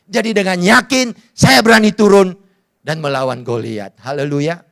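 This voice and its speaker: A male pastor preaching a sermon in an animated way, asking rhetorical questions and acting out quotes. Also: high voice, moderate pace, gravelly, no echo, studio quality.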